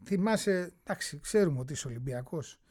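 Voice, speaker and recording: A male host telling a sports story in a chatty way, often pausing on drawn-out hesitations. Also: on the high side, animated, a little mellow, breathy edge. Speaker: radio and TV show host. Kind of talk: storytelling talk-show narration.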